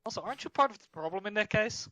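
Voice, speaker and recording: A man's voice: high voice, expressive, racing, fairly bright tone. A man playing a tabletop game, joking around and chatting loosely. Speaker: player. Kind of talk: casual tabletop game chat.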